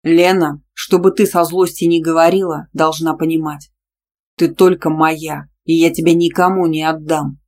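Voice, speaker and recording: A woman's voice: sits low, flat delivery, moderate pace, darkish tone, lightly acted. Woman reading a curt, threatening possessive man. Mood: stern. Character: possessive, domineering young male gym teacher.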